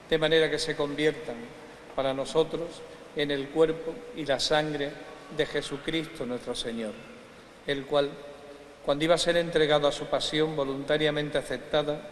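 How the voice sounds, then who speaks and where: A man, a priest solemnly reciting the liturgy of the Mass in measured, formal phrases. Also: on the high side. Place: large reverberant church. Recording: echoey church, long reverb, background noise.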